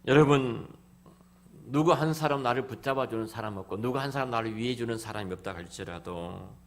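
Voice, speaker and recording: A middle-aged man preaching a sermon as pastor in a church, emphatic, swinging between loud exclamations and hushed near-whispers, often repeating words and restarting phrases. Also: mid-range voice, brisk. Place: church sanctuary.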